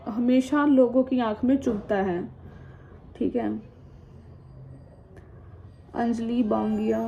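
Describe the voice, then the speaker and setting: Her voice is a little high but dark in tone as this twentysomething woman chats informally on her vlog, reading out comments from viewers and replying bluntly. Her Hindi is sprinkled with English words and phrases, and the audio is muffled and dull, with a faint hum of background noise.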